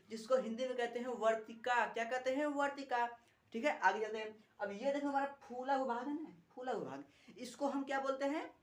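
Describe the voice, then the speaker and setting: A woman teaching a biology lesson, repeating key terms and asking rhetorical questions as she explains a diagram. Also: on the high side. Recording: echoey room.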